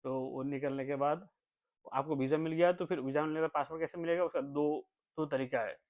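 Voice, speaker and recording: A man's voice: fairly even intonation, a little fast. Young man from Nepal, casual vlog storytelling, rambling and repetitive, tinny phone-like sound. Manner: rambling, repeats himself, talks low when quoting others. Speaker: vlogger.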